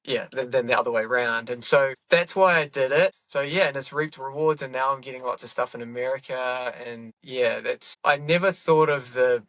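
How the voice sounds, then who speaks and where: A man's voice: medium pitch, moderate pace, hardly any pauses, a bit bright, dry recording. A middle-aged man, a comedian chatting in a podcast interview, rambling and correcting himself as he goes. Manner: rambling, self-correcting, laughs often. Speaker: guest comedian.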